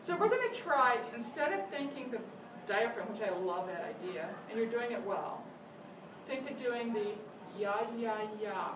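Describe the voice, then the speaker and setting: A woman's voice: on the high side, lively intonation, normal speed. An older woman teaching a flute master class, giving encouraging instructions and frequent praise. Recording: echoey room, distant mic, loud noise.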